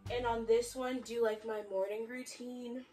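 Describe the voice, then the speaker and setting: A woman's voice: a little high, level tone, unhurried, darkish tone, soft background music. Chatty young woman vlogging, a little far off. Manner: chatty, filler-heavy, talking while tidying. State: out of breath. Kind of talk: casual vlog talk.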